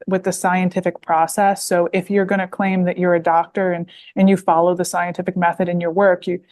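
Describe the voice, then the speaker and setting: An American woman in her 20s speaks as a guest author in a podcast interview, rambling and full of fillers and restarts. Her voice is fairly low in pitch with a darkish tone.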